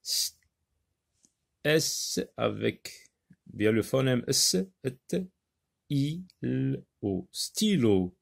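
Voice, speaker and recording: A male teacher who talks slowly and hesitantly, pausing on fillers as he leads a children's reading lesson. His voice is gravelly, and his pitch rises and falls a lot as he calls out syllables for pupils to repeat. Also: big pitch swings. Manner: slow, hesitant, many "euh" fillers, sounding out syllables loudly.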